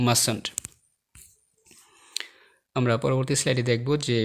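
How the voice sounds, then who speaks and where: With a creaky, fairly bright voice of medium pitch, this man teaches English from slides, reading examples slowly word by word and laying out the rules. Clicking can be heard in the background.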